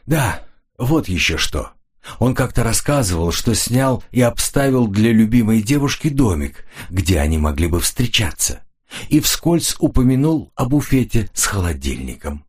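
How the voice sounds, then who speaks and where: A man's voice: lowish voice, normal speed, husky. A male audiobook narrator voicing a cold, hard-edged man who keeps pressing a nervous woman. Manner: flat, pressing, coolly menacing. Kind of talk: audiobook character reading.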